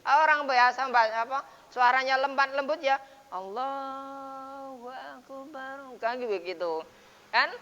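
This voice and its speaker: Forceful male teacher in an echoing mosque. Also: very high-pitched, smooth. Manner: explains patiently, then sings out recited words slowly and loudly. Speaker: Quran recitation teacher. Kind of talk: dawn mosque lesson on Quran recitation rules. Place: mosque, after dawn prayer. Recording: dull lo-fi sound with long mosque reverb.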